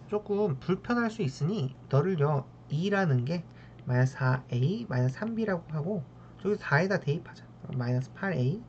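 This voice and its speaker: Low-voiced woman teaching math. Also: a little mellow. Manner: keeps checking in with a tag question after each step; talks to the math terms as if addressing them. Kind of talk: lecture working through problems. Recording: dull lo-fi sound with faint ambient noise.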